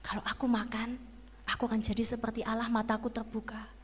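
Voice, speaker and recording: A woman preacher voicing a doubting young woman in whispered role-play, hushed and suspicious. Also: on the high side, level tone, fast talker, breathy edge, big-room sound, pitched below the performer's own voice.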